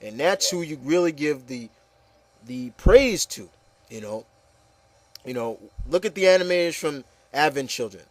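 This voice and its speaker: With a fairly high, expressive voice and a measured pace, a man hosts a casual, opinionated discussion on his opinion show, pressing his points emphatically, repeating himself and leaning on "you know". There is no room sound.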